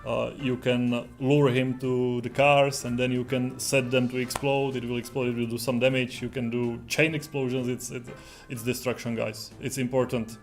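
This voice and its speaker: Flat-voiced, enthusiastic game developer man. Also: mid-range voice, faint music behind. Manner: enthusiastic, with halting restarts. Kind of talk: casual interview chat.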